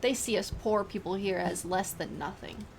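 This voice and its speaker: A woman's voice: mid-range voice, moderate pace, gravelly, over music, natural voice. A woman doing an angry riverside resident man. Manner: indignant, cursing, raised.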